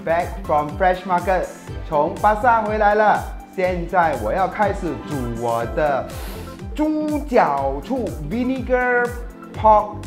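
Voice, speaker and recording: Middle-aged guy showing a recipe, excitable and chatty, lapel mic, faint music behind. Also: a little high. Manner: switches between English and Mandarin, chatty and excitable. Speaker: cooking show host. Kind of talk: casual cooking demonstration. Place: outdoor market, then home kitchen.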